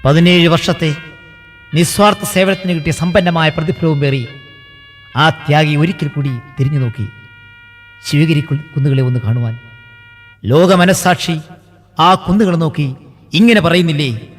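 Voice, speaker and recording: A man narrates a devotional story in a stately, emotive cadence. His voice sits a little high and rings out with long reverb. Faint music plays beneath the narration. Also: moderate pace, pauses often.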